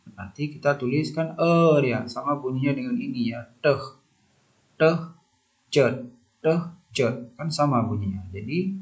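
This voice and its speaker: A man reviewing a student's written draft, patiently repeating sounds and spelling marks as he corrects it. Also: mid-range voice. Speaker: thesis supervisor. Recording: dull lo-fi recording.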